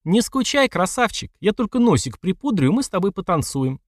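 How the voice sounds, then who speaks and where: A man's voice: fairly high pitch, sing-song, fast, no echo, studio quality, voice pushed up. A man voicing a bold, cheeky teenage girl in an audiobook, talking brashly and mockingly.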